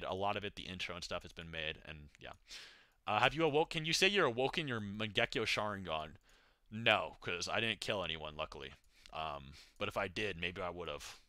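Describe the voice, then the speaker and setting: A man's voice: sits low, bright, forceful tone, smooth, dry recording, studio quality. A man livestreaming in a casual, laid-back way, rambling through slangy, profane chat and replies to donations. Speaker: livestreamer reading donation messages.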